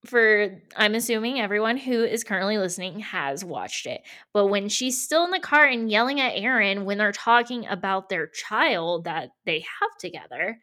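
A woman's voice: mid-range voice, moderate pace, hardly any pauses. Easygoing woman podcaster, lots of ums. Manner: relaxed recap with many ums and filler words. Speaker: podcast co-host. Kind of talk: casual chat.

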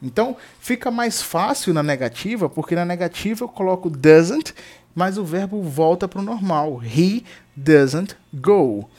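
Brief: Brazilian male English teacher, slightly higher voice, patient and repetitive. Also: lively intonation, normal speed, a little mellow. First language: Portuguese. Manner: explanatory, repeats examples, frequent "tá?" checks. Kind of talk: explaining grammar to students.

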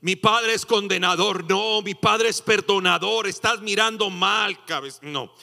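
A male pastor preaching a sermon, swinging from loud sung exclamations to hushed asides and acting out quotes. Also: high-pitched, unhurried, vocal fry. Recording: long hall reverb.

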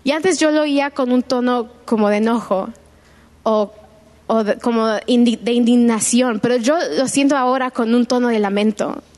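A woman's voice: a little high, normal speed, a little mellow. A woman preacher giving a sermon in church in a conversational way, often restarting as she searches for words.

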